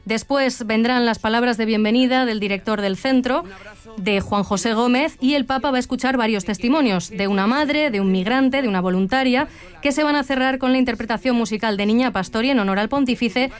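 A woman giving brisk live news commentary on an event. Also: fairly high pitch.

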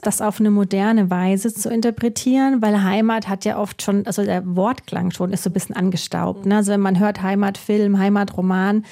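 A woman's voice: mid-range voice, warm tone. A woman from Baden-Württemberg, an author answering interview questions thoughtfully, musing aloud with rhetorical questions.

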